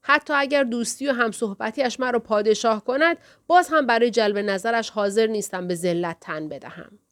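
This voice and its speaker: A woman voicing a sullen, rough young country man who snarls and shouts back in bitter anger. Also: on the high side, no room sound, clean studio sound, close to an everyday voice.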